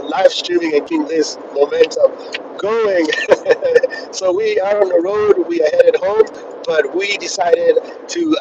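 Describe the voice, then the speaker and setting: A Kenyan man hosts a casual live stream from a car as he rides home on the road, chatting with lots of fillers while his pitch jumps up on phrases. The phone audio is dull and distant, with road and traffic noise in the background.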